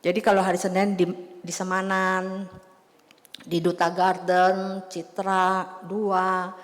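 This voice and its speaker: A woman's voice: lowish voice, completely flat delivery, slow. A woman in her fifties giving a chatty, storytelling sermon to a church congregation. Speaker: preacher. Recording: long church reverb.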